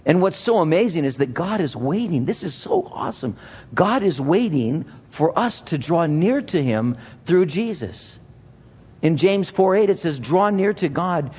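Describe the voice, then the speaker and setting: Higher-voiced male preacher in a reverberant hall. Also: a little mellow, husky. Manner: earnest, emphatic, repeats phrases for emphasis. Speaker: pastor. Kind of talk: sermon.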